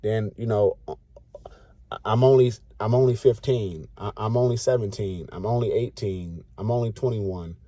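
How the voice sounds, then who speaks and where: Late-30s male vlogger, blunt and preachy, dark mellow voice, dry recording. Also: on the low side, moderate pace, no echo. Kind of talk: casual rant to camera.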